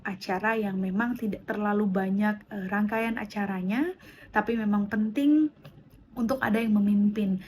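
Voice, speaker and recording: A young adult woman coaching public speaking and MC skills in a lively online class, demonstrating pitch and intonation and mixing English terms into her talk. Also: slight background noise.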